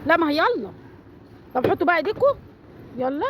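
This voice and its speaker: A woman's voice: very high voice, big pitch swings, quick pace, background noise. A woman with an Egyptian accent running a family party game, teasing and bossing the players playfully. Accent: Egyptian Arabic. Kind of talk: casual family chat.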